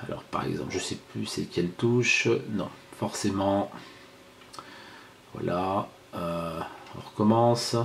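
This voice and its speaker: A man giving a casual hands-on product review, chatty and halting with frequent fillers and restarts. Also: on the low side, creaky, darkish tone.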